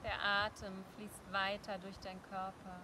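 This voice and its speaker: A middle-aged woman leading a guided meditation like a dream guide, speaking gently and soothingly with long pauses. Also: medium pitch, level tone. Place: outdoors in a forest. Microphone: small clip-on mic at the collar. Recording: clear outdoor ambient noise.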